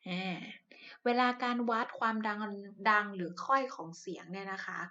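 Lady teacher explaining science to kids, patient and polite, kinda muffled lo-fi audio, mid pitch. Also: moderate pace, pushed and bright. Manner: patient, ends phrases with polite particles, many fillers. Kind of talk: recorded science lesson for primary pupils. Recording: muffled lo-fi recording.

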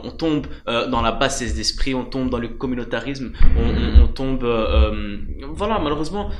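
A young man speaking emphatically in a political interview, with many fillers and repeated words, at a studio desk microphone. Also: mid-range voice. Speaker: political candidate. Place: small TV studio. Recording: roomy studio with faint hiss.

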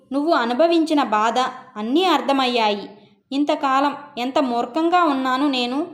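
A woman's voice: sits high, echoey room, natural voice. A woman voicing a remorseful older husband. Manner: tearful, pleading, apologetic. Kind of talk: storytelling narration.

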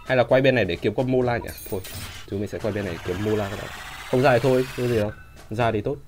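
Casual male game streamer with a mid-range voice, chatty and easily thrilled, shouting when surprised; faint music underneath. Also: mid-range voice, quick pace. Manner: excitable, bursts into shouting surprise. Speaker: gaming channel host.

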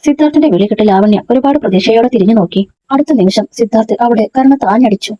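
Woman reading a serial story out loud, quick and steady. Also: a little high. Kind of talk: scripted narration.

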